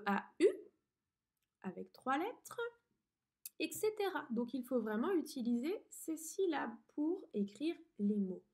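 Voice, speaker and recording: A woman teaching a dictation lesson to a young pupil, pronouncing each word slowly and clearly. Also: high voice, darkish tone. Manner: slow, clearly articulated teacher talk to a child. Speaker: primary school teacher.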